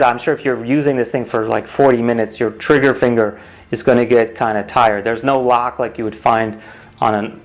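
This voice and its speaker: A man giving a casual, rambling, matter-of-fact hands-on product review as the host of an unboxing vlog. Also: mid-range voice. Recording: home recording with clear noise and clicks.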